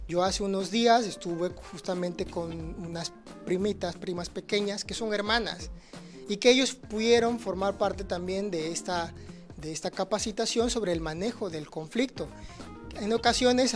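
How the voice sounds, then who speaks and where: A man, a teacher answering audience questions in a livestreamed talk, earnest and explanatory, often checking in with the listener. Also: sits high. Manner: earnest, explanatory, frequent "¿no?" tags and restarts. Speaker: teacher speaking on conflict resolution.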